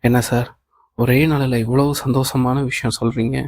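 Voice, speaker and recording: A man's voice: medium pitch, little pitch movement, normal speed, a little mellow, dry recording, close to an everyday voice. A man reading the lines of a young woman employee, anxious and overjoyed, in an audiobook of a novel, naming the speaker before each line. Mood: grateful.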